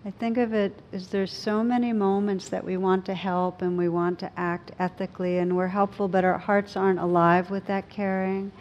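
A woman speaking as a meditation teacher, in a gentle, unhurried way with frequent pauses, as in a reflective talk or guided practice. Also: level tone, dull audio. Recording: clear low rumbling background noise.

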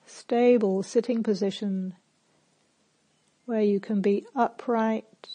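A woman teaching guided meditation speaks in a calm, gentle, medium-pitched voice, with roomy phrasing and lengthy pauses between instructions. The recording quality is low.

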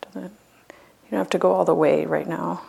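Guiding a loving-kindness meditation, this woman teacher speaks gently and slowly, letting long pauses settle in. Her voice is low and creaky, and its intonation stays fairly even.

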